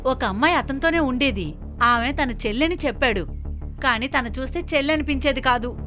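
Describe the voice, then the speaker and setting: A woman's voice: sits high, fairly quick, bright, forceful tone, soft background music. An actress playing a chatty, nosy landlady talking to police. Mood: gossipy. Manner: gossipy, chatty.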